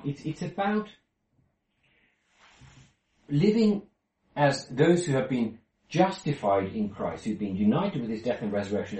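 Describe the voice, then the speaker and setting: A man's voice: medium pitch, dark tone. A man from Finland leading an informal Bible study, explaining with many restarts and fillers. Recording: roomy, distant from mic.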